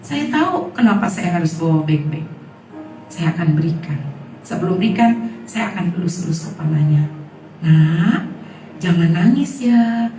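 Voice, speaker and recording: A woman preacher giving a sermon with personal testimony, telling stories with lively acted-out dialogue. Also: fairly low pitch, moderate pace, faint music behind. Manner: lively storytelling, acting out dialogue. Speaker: guest preacher. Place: church hall. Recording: echoey hall, mic from far off.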